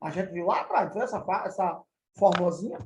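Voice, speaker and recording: A man's voice: high voice, a little fast, darkish tone, reverberant, low-quality recording. A male math teacher with a Brazilian Portuguese accent, patiently repeating and counting through each example step by step. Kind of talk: recorded classroom lesson.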